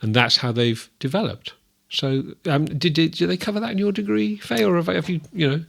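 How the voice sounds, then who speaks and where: A man's voice: fairly high pitch, brisk, creaky. A man co-hosting a podcast, talking casually and thoughtfully about art, recorded at a dining room table at home. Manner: thoughtful, expressive, a few restarts. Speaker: podcast co-host. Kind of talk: casual chat.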